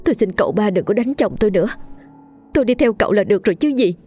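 A woman's voice: medium pitch, quick pace, warm tone, faint music behind, close to an everyday voice. A woman voicing a poor young wife who begs humbly and urgently. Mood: pleading. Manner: begging, tearful pleading.

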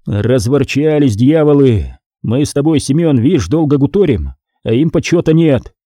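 A man's voice: medium pitch, lively intonation, normal speed, mellow, no room sound, clean studio sound, natural voice. A man voicing a stubborn, grim medieval envoy back from the Horde. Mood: grave. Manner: stubborn, grave.

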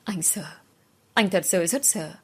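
A woman voicing a grieving young husband who pleads softly and tearfully at a hospital bed in an audiobook story. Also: on the low side, normal speed, slightly rough. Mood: pleading.

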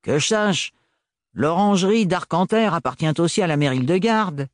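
A man's voice: fairly high pitch, lively intonation, normal speed, no echo, voice pushed up, lightly acted. Male reader doing a grating-voiced woman mechanic, curt, insistent, tomboyish, dry close sound.

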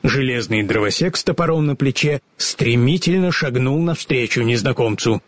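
A man narrating a storybook in an expressive reading style. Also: medium pitch, moderate pace, no echo.

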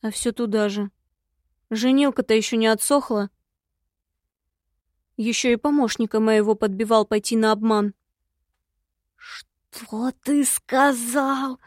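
A woman narrating a first-person fantasy audiobook in a wry, lively storytelling manner. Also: fairly high pitch, moderate pace, pauses often, no echo, clean studio sound.

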